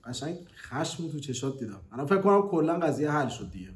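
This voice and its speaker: A man's voice: on the high side, big pitch swings, echoey room. A man in casual chat who gives short, supportive replies and agrees with the storyteller. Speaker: listener in a conversation.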